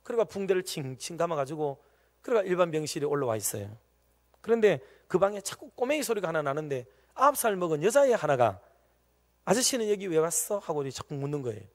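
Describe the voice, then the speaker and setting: A man preaching a storytelling sermon, emphatic and swinging between loud urging and quiet narration. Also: fairly high pitch, very animated, fast. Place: church sanctuary. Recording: long reverb of a church hall.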